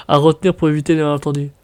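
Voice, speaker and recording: A man's voice: on the high side, a little mellow. A young man from France with a French accent, chatting casually in a vlog, reading out words and reacting with surprise. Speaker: vlogger.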